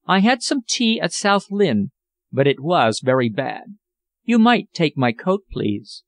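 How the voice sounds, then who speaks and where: A man's voice: on the high side, big pitch swings, takes it slowly, dry recording, clean studio sound, exaggerated voice. A man voicing an anxious, refined English lady in an audiobook, speaking in an earnest, genteel, sorrowful way. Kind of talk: audiobook character voice.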